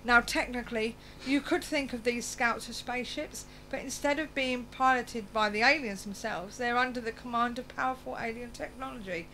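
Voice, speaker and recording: A woman's voice: fairly high pitch, moderate pace, few pauses, pushed and bright, low-quality recording. A woman hosting a radio show, reading aloud with chatty asides and stumbling over words, her speech slightly slurred as if from loose dentures. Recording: clear background noise and hum.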